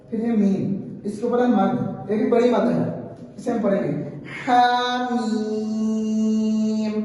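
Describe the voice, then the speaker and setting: A male Quran reading teacher patiently explaining a lesson step by step and chanting letters in long drawn-out tones. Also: sits high, warm tone. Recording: echoey, distant mic with faint room noise.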